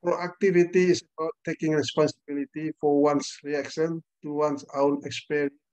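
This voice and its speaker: Middle-aged indonesian guy lecturing on a video call, slightly high voice, mixes english in. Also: little pitch movement, moderate pace, a little mellow. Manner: switches between Indonesian and English, explains with personal stories. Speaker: presenter. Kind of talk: online class talk.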